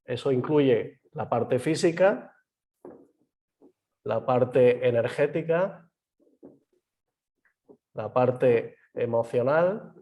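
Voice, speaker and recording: Guy teaching yoga over a video call, a bit hoarse, explains slow and asks the class stuff. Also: mid-range voice, a little mellow. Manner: explains patiently, quizzes students, many fillers. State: slightly hoarse. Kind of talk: online class lecture. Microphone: computer mic on a video call.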